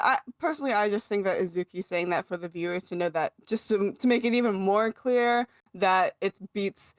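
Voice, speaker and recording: A woman's voice: mid-range voice, dry recording. A woman co-hosting a podcast in casual chat, chatty with many fillers and frequent laughs. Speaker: podcast co-host.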